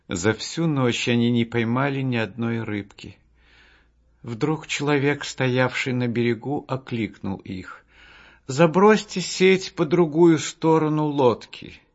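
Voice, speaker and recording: A man narrating Bible stories for an audiobook in a slow, measured reading. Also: medium pitch. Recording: dull lo-fi audiobook with soft music.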